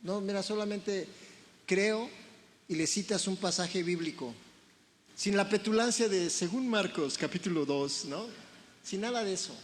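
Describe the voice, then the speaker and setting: Mexican preacher, lively and joking, leads the crowd in shouted responses; high voice, faint hiss behind. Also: male voice. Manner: animated preaching with jokes and shouted call-and-response. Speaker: pastor. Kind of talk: sermon. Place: church sanctuary. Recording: reverberant hall, faint noise.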